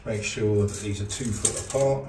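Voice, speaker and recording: A fairly low-voiced man explains his boat build step by step in a plain, practical way while he works. He drifts toward and away from the camera mic inside an echoey hollow hull, with clear tool and work noise behind him. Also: normal speed, distant mic. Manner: practical, matter-of-fact, talks while working. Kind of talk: casual how-to narration. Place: inside a narrowboat hull under construction. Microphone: camera mic, speaker moving near and away.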